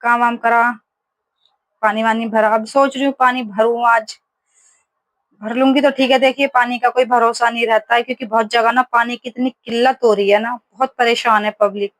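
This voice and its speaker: A woman's voice: a little high, steady tone, moderate pace, no room sound. A woman vlogging casually at home, telling stories in a chatty way with many fillers. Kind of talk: casual home vlog chat. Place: home kitchen, indoors.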